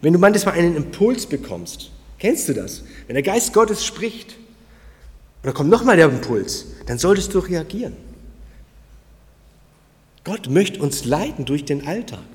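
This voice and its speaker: A man preaching a sermon, emphatic and swinging between loud and quiet, speaking directly to the congregation. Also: on the high side, big pitch swings, unhurried, pauses often, big-room sound. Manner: emphatic, rising and falling in volume, addresses listeners directly.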